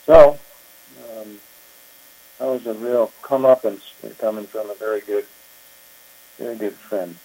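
An older man, a former park chief ranger, telling his story in an interview, unhurried and reflective with frequent pauses. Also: fairly low pitch, mellow, rough recording. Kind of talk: oral history interview.

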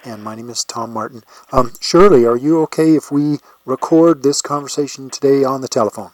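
A man conducting an informal oral history interview, with hesitant, pausing phrasing. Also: mid-range voice, a little mellow, dry recording, rough recording.

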